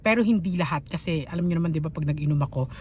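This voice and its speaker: A woman's voice: deep voice, racing, a little mellow. A young woman vlogging an unboxing in a dramatic, gushing way, bantering with herself in playful slang. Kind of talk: casual unboxing vlog. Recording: noisy background.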